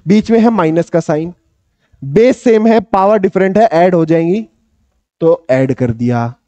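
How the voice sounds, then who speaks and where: High-voiced man teaching maths. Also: lively intonation, unhurried, dark tone, no room sound. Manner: coaxing, repeats questions to the class, calls himself big brother. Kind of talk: energetic tutoring lecture. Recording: dull, slightly lo-fi dry recording.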